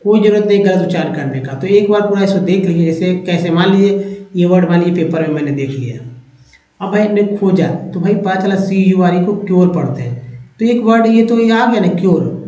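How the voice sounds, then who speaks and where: A man teaching English reading in a tutorial lesson, drilling vowel sounds slowly with repeated cues. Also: high-pitched, warm tone. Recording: echoey, dull lo-fi room sound.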